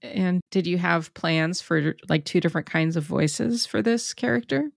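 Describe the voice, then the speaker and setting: Low, gravelly-voiced woman host. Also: moderate pace, no room sound, clean studio sound. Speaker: podcast host. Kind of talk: casual interview.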